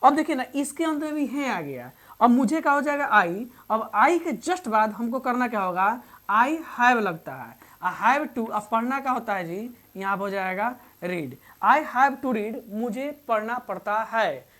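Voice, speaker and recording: A woman teaching English grammar in Hindi. She repeats each example slowly and quizzes the learners as she goes. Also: a little high, animated, fairly bright tone. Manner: addresses learners fondly as "babu". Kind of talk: Hindi-medium classroom grammar lesson.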